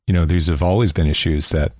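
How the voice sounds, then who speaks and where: A man hosting a casual radio interview, asking measured questions with some fillers. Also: very deep voice, steady tone, a little mellow, dry recording, clean studio sound. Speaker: radio host.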